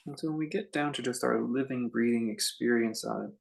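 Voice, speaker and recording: A male teacher leads a guided meditation in a mid-range voice with vocal fry. He's contemplative and unhurried, leaving long pauses between short phrases.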